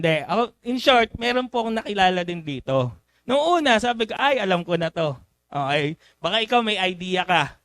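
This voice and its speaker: A man's voice: on the high side, a bit bright, no echo. A young man giving a joking motivational talk to a live seminar audience, teasing people with call-and-response questions. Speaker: business seminar speaker.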